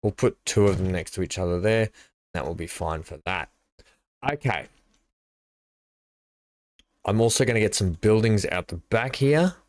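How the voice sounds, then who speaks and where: Streaming a building game, a man thinks aloud in a relaxed way, mumbling his choices as he places pieces. His voice is lowish at a normal speed, with long pauses and slight background noise.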